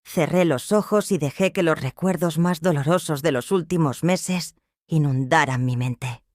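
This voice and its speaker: A woman narrating a dramatic first-person story in a measured, serious way. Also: low-pitched, a little mellow, dry recording, clean studio sound.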